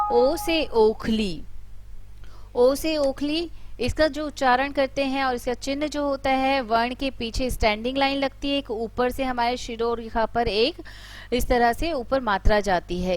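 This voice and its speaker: A woman teaching letters, explaining step by step and drawing out each example word slowly and loudly. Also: on the high side. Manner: drawn-out, loud example words. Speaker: Hindi teacher. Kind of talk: explanatory lesson.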